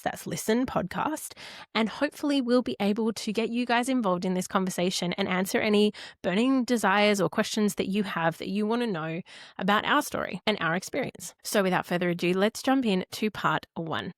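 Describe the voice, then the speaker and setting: A woman's voice: mid-range voice, no room sound, clean studio sound. A woman hosting a podcast, talking in an upbeat, chatty way. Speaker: podcast host. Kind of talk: casual chat.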